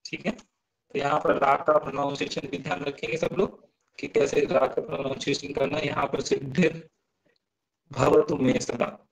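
A man teaching a class, explaining pronunciation step by step, pausing to ask his students questions and reciting verses syllable by syllable. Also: a little high, fairly even intonation, vocal fry, low-quality recording. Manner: patient, stepwise, asks students questions. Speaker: Sanskrit teacher.

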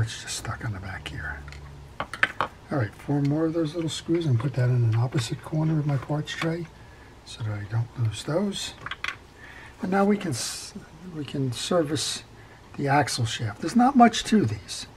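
A middle-aged man calmly talking through a step-by-step reel repair at his workbench, with frequent fillers as he works. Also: medium pitch, normal speed, noisy background. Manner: calm, practical, talks while working, frequent fillers. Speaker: fishing reel repair instructor. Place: workshop bench.

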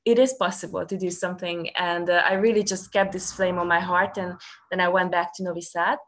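A young woman from Serbia, a student ministry staff worker, sharing a personal story on a video call in earnest, halting speech full of fillers. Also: fairly low pitch, steady tone, a bit bright. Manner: earnest, with frequent fillers and restarts. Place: small room at home. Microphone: laptop webcam on a video call.

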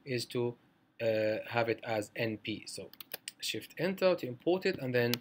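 A man's voice: mid-range voice, expressive, a little slow, a little hiss or hum. A man teaching a programming tutorial over a screencast, talking it through with many fillers and self-corrections. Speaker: programming instructor.

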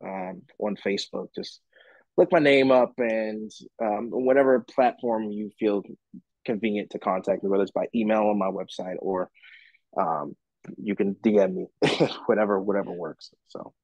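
Low-voiced man, relaxed and rambling. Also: moderate pace, dry recording, muffled recording. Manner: relaxed, rambling with many fillers and restarts. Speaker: musician guest. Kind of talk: casual interview answers.

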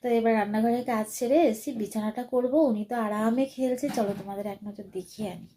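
A woman's voice: on the high side, steady tone, fast talker, warm tone, a little hiss or hum. A young woman chatting to her viewers as friends in a casual home vlog at night. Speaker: vlogger, mother.

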